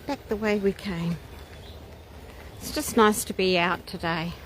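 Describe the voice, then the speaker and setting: On a wooded walking trail, a vlogger leads a nature walk, her mid-range voice unhurried and fairly even in intonation, with a slightly bright tone. She muses casually as she goes, breaking into exclamations of wonder. The rough recording picks up outdoor ambient noise and birdsong.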